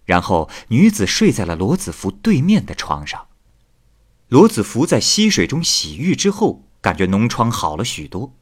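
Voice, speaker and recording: A man's voice: lowish voice, normal speed. A man narrating a classic tale expressively, voicing each figure himself. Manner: expressive, lively, voices every figure. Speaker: storyteller.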